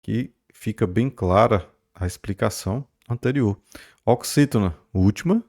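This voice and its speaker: A man's voice: fairly low pitch, unhurried, darkish tone. A man teaching a recorded grammar lesson, checking in often with his students and drawing out stressed syllables to model words. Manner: explanatory, checks in often with "beleza?" and "né?".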